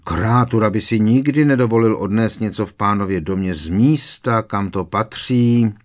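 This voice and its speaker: A man's voice: lowish voice, pitched above the performer's own voice, lightly acted. A man doing a muttering bitter old house-elf. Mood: muttering, resentful. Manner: muttering under his breath. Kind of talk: audiobook character voice.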